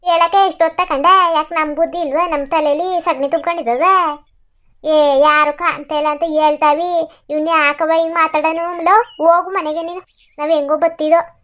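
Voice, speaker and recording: A woman voicing a fussy, worrying old village mother who chatters and scolds quickly. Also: sits high, steady tone, fairly bright tone. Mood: fussing. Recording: dull lo-fi recording.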